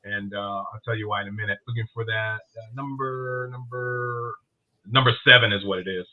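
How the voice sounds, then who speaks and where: A man's voice: medium pitch, steady tone, brisk, phone-quality sound. A man hosting a talk show in a casual, joking panel-chat style, introducing clips. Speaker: host running the clips.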